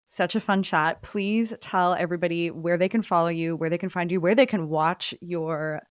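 A woman hosting a podcast, warmly affirming her guest. Her voice sits a bit low, recorded dry and close. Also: fairly even intonation, moderate pace, no room sound. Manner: affirming, encouraging. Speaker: podcast host. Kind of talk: casual interview chat.

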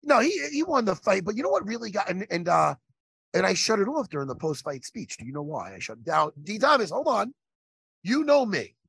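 A man hosting a casual podcast chat, animated and profane, given to laughing and telling stories. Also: sits high, a little fast, creaky, breathy edge, dry recording. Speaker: podcast host.

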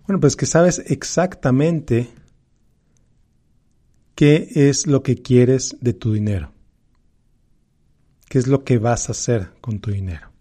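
A man's voice: mid-range voice, slow, long pauses, mellow. A man with a Mexican accent giving a motivational personal finance talk as an advisor, emphatically repeating key phrases and posing rhetorical questions.

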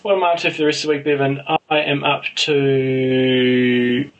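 Male co-host, Kiwi accent, gravelly creak, casual sports chat, a little off the mic. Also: mid-range voice, flat delivery, normal speed, recorded from a distance, lo-fi sound. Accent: New Zealand. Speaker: podcast co-host.

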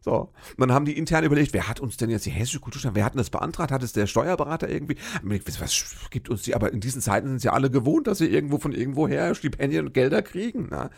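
Gravelly, fast-talking self-mocking comedian man. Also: mid-range voice, lively intonation, a little mellow. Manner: rambling, self-mocking, chatty with asides. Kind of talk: casual comic storytelling monologue.

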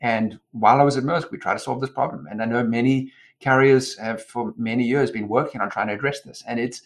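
A man's voice: mid-range voice, steady tone. South African man explaining at length. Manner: measured, explanatory, trails off with "et cetera". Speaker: guest, company co-founder and CEO. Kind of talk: conversational interview answers.

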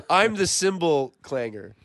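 A man joking around in casual banter, goofy and quick to clown. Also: on the high side, no room sound, clean studio sound. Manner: goofy, jokey, lively. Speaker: podcast guest.

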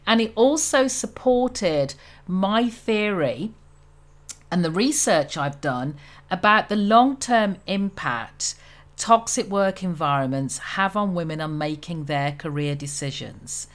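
A woman in her late fifties from Birmingham speaks with a Birmingham accent in a fairly low register. She talks in a measured, self-assured way, as a podcast host opening an episode and then answering questions about her career. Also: animated. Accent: Birmingham English. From Birmingham, England. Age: 50s. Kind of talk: podcast intro and conversational interview.

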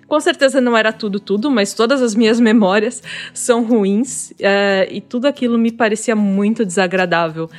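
A young adult woman, hosting a podcast and telling a school memory in a calm, reflective way. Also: on the high side. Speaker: podcast host. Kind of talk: casual podcast chat.

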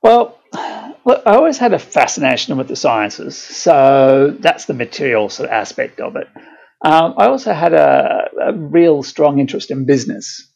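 A man's voice: fairly high pitch, big pitch swings, vocal fry, darkish tone. Australian man on a lo-fi satellite line. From Brisbane, Australia. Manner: measured and explanatory, with frequent ums and restarts. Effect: remote guest heard over a lagging satellite audio link. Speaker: podcast guest, property fund manager. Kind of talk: conversational interview answers. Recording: dull lo-fi satellite audio line.

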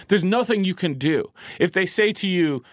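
A man's voice: high voice, expressive, normal speed, no room sound, studio quality. A man co-hosting an advice podcast, talking bluntly and acting out imagined back-and-forth exchanges, swearing casually. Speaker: podcast co-host giving advice.

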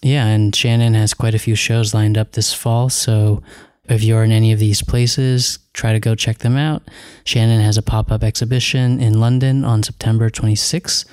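A man's voice: on the low side, flat delivery, moderate pace, few pauses, darkish tone, dry recording, clean studio sound. A man hosting a podcast, introducing a guest and asking questions informally, with some hesitation. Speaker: podcast host.

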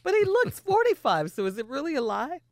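A woman co-hosting a relationship advice talk segment, giving calm, reassuring counsel. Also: high-pitched, fairly quick, dry recording, clean studio sound. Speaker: radio show co-host reading listener letters.

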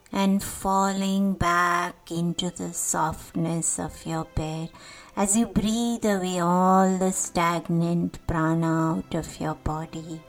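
Very slow, soothing woman guiding meditation. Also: fairly low pitch. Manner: soothing, gentle, deliberate with long pauses. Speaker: guided meditation narrator. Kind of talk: slow guided sleep meditation. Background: music.

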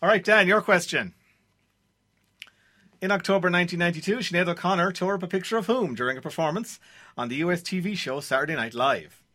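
A man's voice: sits high, fast talker, pushed and bright. An Irish man hosting a radio trivia quiz from a studio, introducing and moving things along in presenter style. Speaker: quiz show host.

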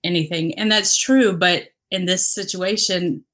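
A woman's voice: fairly low pitch, fairly even intonation, unhurried, a bit bright. A woman who grew up in the Dominican Republic, speaking as an interview guest about her past career as a police officer, earnest and reflective, with lots of fillers and restarts. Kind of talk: candid conversational interview.

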